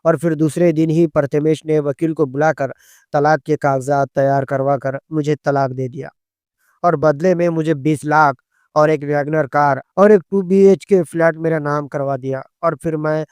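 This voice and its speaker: A man reading a first-person story aloud in a steady, even storytelling delivery. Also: fairly high pitch, clean tone, dry recording, studio quality.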